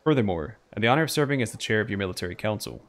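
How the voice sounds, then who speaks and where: A man's voice: on the low side, very animated, very fast. A man voicing a dutiful, ambitious army captain with a formal, respectful manner, in game dialogue read aloud.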